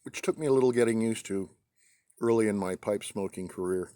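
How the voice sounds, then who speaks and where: Male American vlogger, lower register, relaxed monologue recorded outdoors, halting delivery with mid-sentence pauses. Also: no echo, clean studio sound. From New England, United States. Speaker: pipe-smoking video host. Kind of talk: casual rambling vlog monologue. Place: outdoors on a deck in a light breeze.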